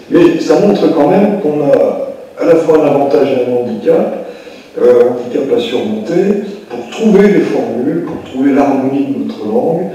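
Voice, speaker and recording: A man's voice: mid-range voice, warm tone, far from the mic. Older man lecturing in an echoey hall. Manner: explanatory, with frequent hesitations. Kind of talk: public lecture. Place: hall of a town hall.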